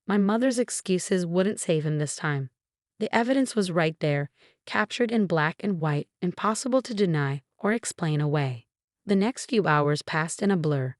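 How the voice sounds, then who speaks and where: A woman narrates a first-person story in a steady, even read. Her voice sits low, and the recording is dry and close, with no room sound. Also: normal speed, no echo.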